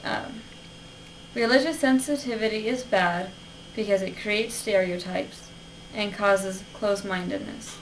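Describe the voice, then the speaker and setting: A woman's voice: medium pitch, measured pace. A young adult woman student giving an earnest, structured persuasive speech for a class. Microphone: camera at a distance. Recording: distant camera with faint hiss.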